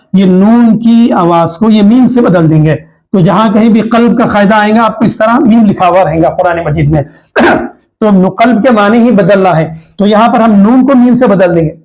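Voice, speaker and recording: A man with a Hyderabadi Urdu accent teaching a tajweed lesson, explaining each rule slowly and repeating the examples. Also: high voice, darkish tone, poor audio. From India. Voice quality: clears throat now and then. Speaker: Quran recitation teacher.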